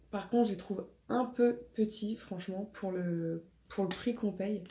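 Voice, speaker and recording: A beauty vlogger chats hesitantly through a casual haul video, filling her speech with lots of fillers. Her voice is lowish, gravelly and warm, with a slight cough left over from being ill. The room is echoey and there's faint background noise.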